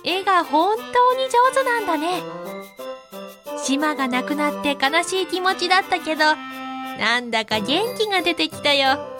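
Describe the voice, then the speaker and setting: A woman voicing a cheerful young male zebra with a bright, childlike manner. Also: sits high, lively intonation, slow pace, pauses often. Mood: delighted. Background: faint music.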